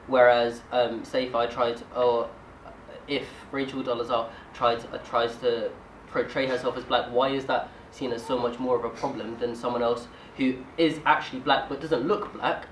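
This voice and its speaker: A man's voice: mid-range voice, little pitch movement, moderate pace, slight background noise. A man in a casual group discussion, thoughtfully posing questions. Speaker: discussion panelist. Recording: roomy echo.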